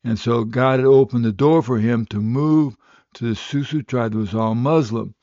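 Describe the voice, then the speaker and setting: An older man preaching a radio sermon and telling his own testimony, in an earnest, steady storytelling manner. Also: medium pitch, moderate pace, no echo. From West Africa. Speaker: radio pastor. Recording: slightly dull, dry radio recording.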